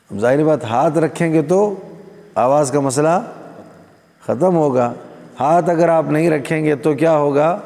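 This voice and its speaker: A man's voice: medium pitch, gravelly, darkish tone. Preacher man in a reverberant hall. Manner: rhetorical questions, addresses the audience directly. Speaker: Islamic preacher. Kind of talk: sermon to a live gathering. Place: gathering hall.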